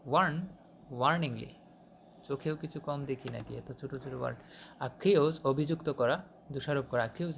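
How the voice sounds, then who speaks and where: Bangladeshi-accented man, english teacher, halting word-list reading, faint background hiss. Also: mid-range voice, gravelly, fairly bright tone. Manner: halting, with frequent restarts and checking questions. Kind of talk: reading a vocabulary list aloud in a lesson.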